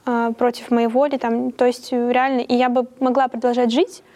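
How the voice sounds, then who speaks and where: A woman's voice: fairly high pitch, little pitch movement, moderate pace, warm tone. A young woman, a university student, speaking thoughtfully in a panel discussion. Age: young adult. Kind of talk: casual discussion.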